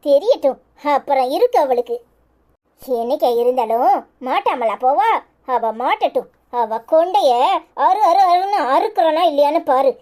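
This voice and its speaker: A woman's voice: high voice, lively intonation, moderate pace, mellow. A woman voicing a resentful wife in a cartoon, muttering to herself in a Kanyakumari Tamil accent. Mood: bitter. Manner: muttering, bitter. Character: resentful sulking wife, Anitha, muttering alone. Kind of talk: cartoon voice acting.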